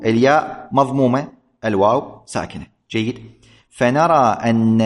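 A man teaching an Arabic grammar lesson, speaking slowly and deliberately and repeating key points. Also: medium pitch. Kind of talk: classroom lesson on verb forms.

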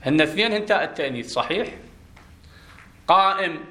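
A man's voice: fairly high pitch, expressive, a little fast, pushed and bright, reverberant. A man teaching a grammar class, explaining step by step and putting questions to his students. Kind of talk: classroom lesson.

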